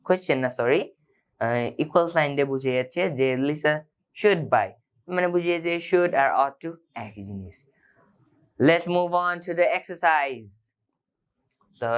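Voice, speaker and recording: A teacher explaining English grammar step by step, reading each English example slowly and then explaining it in quick conversational Bengali. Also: medium pitch, clear, resonant tone.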